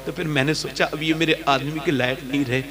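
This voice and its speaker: A male preacher voicing a pious queen who speaks softly and low, retelling her own words. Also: fairly even intonation, close to an everyday voice. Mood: hushed, devout. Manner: hushed, low storytelling voice. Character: pious grieving queen, woman, soft-spoken. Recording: crowd noise behind.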